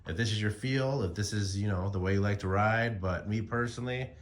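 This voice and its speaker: This is an American motorcycle vlogger in his forties, talking loosely and slangily to his phone in a casual ramble. His voice is fairly low and a bit fast, and the recording is very noisy.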